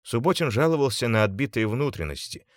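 A man reading an audiobook aloud in measured, even storytelling. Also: medium pitch, no echo, studio quality. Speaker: audiobook narrator. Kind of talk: scripted audiobook narration.

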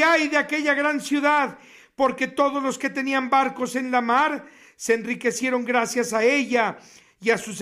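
A man preaching a sermon on the radio, reading scripture in a slow, emphatic, declamatory way. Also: very high voice, pushed and bright. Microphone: radio studio mic.

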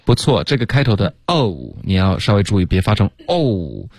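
A man coaching English pronunciation on a radio lesson, patiently correcting sounds and demonstrating them slowly. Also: lowish voice, big pitch swings, no echo, studio quality. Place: radio studio.

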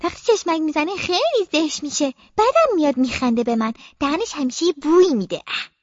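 A woman narrating a story as a young girl in the first person, childlike and expressive, with playful sound effects, on a slightly muffled dry recording. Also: sits high, no echo. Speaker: audiobook narrator.

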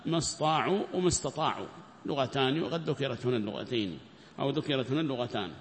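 A man giving a verse-by-verse scripture lesson, quizzing his listeners with quick rhetorical questions. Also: fairly high pitch. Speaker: Quran teacher. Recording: echoey hall with faint background noise.

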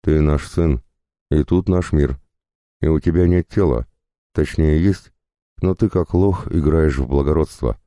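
A man voicing a spiteful, mocking goddess who scolds her son in a very deep voice. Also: a little slow, dark tone, dry recording, studio quality.

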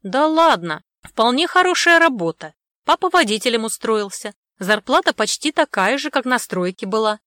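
A woman reading aloud and voicing a caring, worried middle-aged mother who talks loud and bright. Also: mid-range voice, animated, normal speed, no echo, clean studio sound. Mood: fussing, caring.

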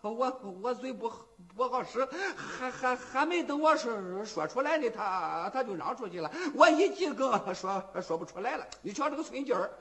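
A man's voice: very high-pitched, lively intonation, normal speed, hardly any pauses, a bit bright, pitched above the performer's own voice, full character voice. A man voicing a flustered male inn servant who stammers heavily, in traditional storytelling. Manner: heavy stutter, flustered.

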